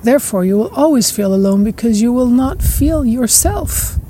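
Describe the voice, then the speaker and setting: Over slight background noise, the podcast host speaks in a fairly high, expressive voice, musing at length on spiritual matters. She goes slowly, with gentle laughter and repetitions that fade out.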